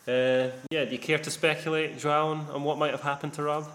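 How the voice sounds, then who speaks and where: A man's voice: a little high, little pitch movement, fairly quick, fairly bright tone. A man hosting a podcast in casual, rambling, self-deprecating chat, his voice echoing around a near-empty living room into a laptop mic. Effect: echoey sound from a near-empty living room. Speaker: podcast host. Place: sparse living room, indoors.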